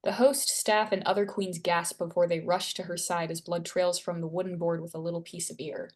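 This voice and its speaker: Reading scene headings and action aloud at a table read, a woman narrates the screenplay's stage directions in a slightly low voice. Her delivery is flat and a little fast.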